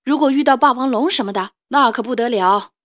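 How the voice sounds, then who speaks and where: A woman's voice: fairly high pitch, brisk, muffled recording, lightly acted. A woman reading a storybook and voicing a kindly adult male ankylosaur uncle who gives earnest warnings.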